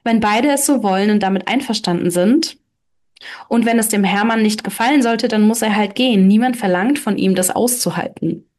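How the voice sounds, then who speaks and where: A woman's voice: medium pitch, normal speed, a little mellow, lightly acted. Woman reading a confident free-spirited woman. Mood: calm. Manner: firm, lecturing. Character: self-assured woman preaching free love.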